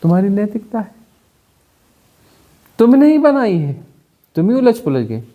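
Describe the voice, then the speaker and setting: A man teaching spiritual talk, posing rhetorical questions and giving animated mocking examples. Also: sits high, unhurried. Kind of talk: satsang discourse.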